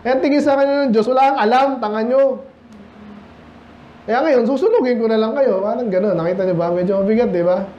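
High-voiced Filipino pastor preaching. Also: male voice, very fast, few pauses, dull audio, a little hiss or hum. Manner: animated, mixes Tagalog and English, addresses the congregation with rhetorical questions. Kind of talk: sermon. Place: church.

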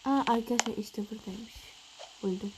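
A woman giving casual commentary on a game, chatting to her viewers and often dropping into a low murmur. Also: moderate pace, very noisy. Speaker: gaming youtuber.

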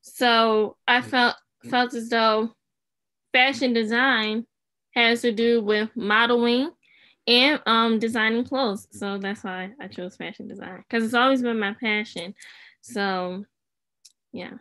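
A woman's voice: a little high, steady tone, takes it slowly, pushed and bright. A teenage girl answering on a student panel, careful and hesitant with many ums. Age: teens.

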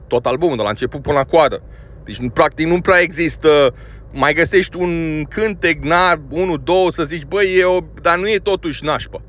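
A man from Romania delivers an opinionated monologue in a voice pitched a little above most men. He talks bluntly and scolds as he goes, with plenty of filler words. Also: fairly bright tone. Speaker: music commentator.

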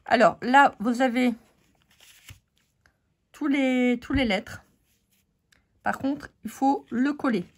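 Losing her voice, a French-accented woman who hosts a craft channel talks informally to viewers about craft supplies, using lots of fillers. She speaks slowly in a high voice, leaving long pauses.

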